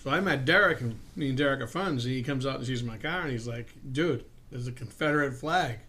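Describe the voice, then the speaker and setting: A man's voice: mid-range voice, fairly quick, pushed and bright. A man in casual chat, arguing his point insistently and filling with "you know". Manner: argumentative, leans on "you know".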